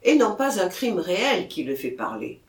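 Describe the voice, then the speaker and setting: Kindly worried mayor, gentle and coaxing, lively pitch, echoey, as a reader puts him on. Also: moderate pace. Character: kindly, worried village mayor, older man. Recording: roomy echo.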